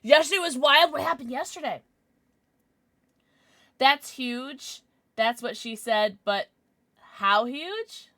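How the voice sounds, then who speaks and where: A woman livestreamer chatting casually with her viewers in a playful, giggly, excitable manner. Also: high-pitched, takes it slowly, long pauses, no echo, clean studio sound. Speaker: live streamer, host.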